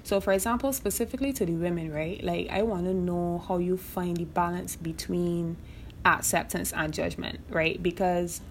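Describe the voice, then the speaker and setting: A young Barbadian woman hosts a podcast in a casual monologue, speaking frankly, swearing freely and often asking "you know what I mean." Her voice is lowish and her pace moderate, with slight background noise.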